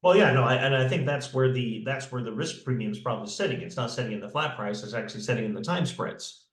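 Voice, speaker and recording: A man co-hosting a podcast, explaining markets in a measured way with many fillers. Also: medium pitch, echoey room, low-quality recording. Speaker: podcast co-host. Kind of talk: casual market analysis.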